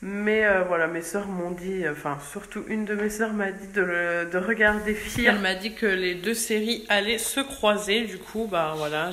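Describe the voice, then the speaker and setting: This family vlogger, a young French mother, talks casually into her handheld phone camera in her kitchen, often restarting and using fillers. Her medium-pitched voice has a sharp tone, and the audio sounds roomy.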